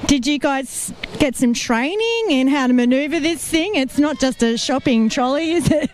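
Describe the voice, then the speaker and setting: A woman's voice: sits high, lively intonation, normal speed, slight background noise. A woman interviewing people outdoors on a beach for a live sports webcast, chatty and friendly.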